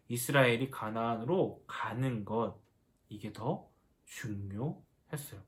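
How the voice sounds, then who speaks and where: A man teaching a children's worship lesson, animated and often asking the children questions. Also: medium pitch. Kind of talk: children's sermon.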